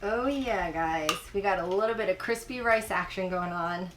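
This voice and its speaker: A woman's voice: medium pitch, moderate pace, background noise. Chatty woman hosting a cooking video. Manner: chatty, enthusiastic, keeps addressing viewers as guys. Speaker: cooking channel host. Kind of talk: casual cooking demonstration.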